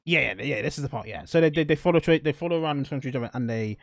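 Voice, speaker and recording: A man's voice: medium pitch, racing, creaky, dry recording, studio quality. A man chatting casually as a podcast co-host, laughing often and restarting his sentences as he recaps an episode. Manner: laughs often, stumbles and restarts, acts out quotes. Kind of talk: casual chat reviewing a TV episode.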